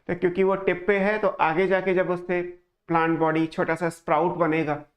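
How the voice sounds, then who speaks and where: A man's voice: sits high, little pitch movement, normal speed. A male teacher giving an online class lecture, explaining step by step, asking questions and answering them himself, mixing English phrases into his speech. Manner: mixes English phrases into Hindi.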